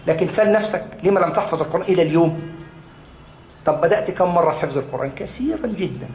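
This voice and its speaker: An Islamic studies lecturer with an Egyptian Arabic accent gives a religious lesson to a class, his fairly high, slightly mellow voice racing along. He repeats key words for emphasis and answers his own questions, in an echoey room with faint background noise and soft music behind him.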